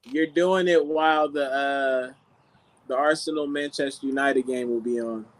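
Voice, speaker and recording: A man's voice: mid-range voice, fairly even intonation, measured pace. A man co-hosting a casual football fan chat, making his points emphatically. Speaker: co-host on a football fan livestream.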